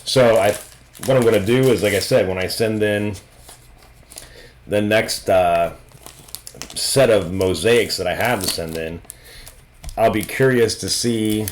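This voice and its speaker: A man hosting a casual video review of trading cards, talking loosely and thinking aloud as he goes. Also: low voice. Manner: loose and conversational, thinking aloud with frequent restarts. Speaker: trading card reviewer and host.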